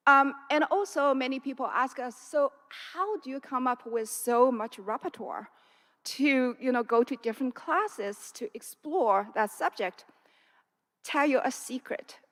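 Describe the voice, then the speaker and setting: A woman's voice: sits high, lively intonation, a little slow, fairly bright tone, in a large hall. A woman musician from a string quartet, chatting and explaining as she introduces pieces, reading out titles one by one, in a church sanctuary. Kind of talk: introducing pieces at a concert talk.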